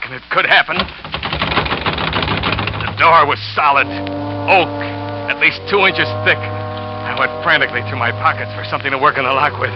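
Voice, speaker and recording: A man's fairly high, everyday-sounding voice carries the tense first-person narration of a 1940s radio drama, where he plays a scheming lover who becomes a trapped victim after his murder plot fails. His driven telling climbs into panic. The recording is a muffled old radio broadcast with music and a noisy background.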